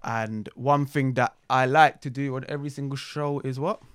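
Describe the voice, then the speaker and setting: A young man with a London roadman accent hosting a talk show in animated slangy chat, repeating phrases for emphasis. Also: medium pitch, normal speed, clear, resonant tone, dry recording, studio quality. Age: young adult.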